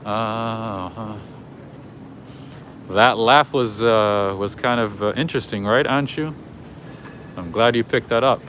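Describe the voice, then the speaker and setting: A man's voice: on the low side, takes it slowly, long pauses, a bit bright, a little hiss or hum. Chatty man livestreaming a city walk. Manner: chatty, greets viewers by name. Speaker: livestream host. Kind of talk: live walking-tour commentary. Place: outdoors on a city street.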